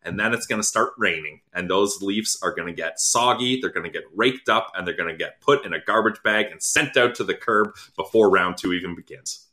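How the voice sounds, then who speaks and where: A man with a low, bright, forceful voice co-hosts a casual sports podcast. He makes bold predictions in a playful, laughing manner. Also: a little fast, hardly any pauses. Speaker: podcast co-host.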